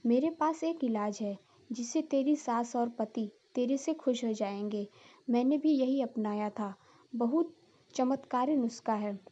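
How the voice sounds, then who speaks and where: A woman's voice: fairly high pitch, measured pace, dark tone, highs cut off. A woman voicing a sly, chatty young neighbour in a cartoon story.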